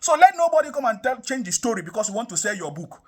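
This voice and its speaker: Speaking extremely high and very fast, this young online commentator, a Nigerian man from the South South, is very animated. His political commentary is impassioned and emphatic, repeating points and firing off rhetorical questions again and again.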